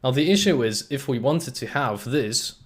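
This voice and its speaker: A man from Germany hosts a live-streamed technical talk in a middle-pitched voice. He explains step by step in a relaxed, conversational way. Frequent "uh" fillers run through his speech, and he stops now and then to answer the chat. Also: moderate pace. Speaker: host and presenter.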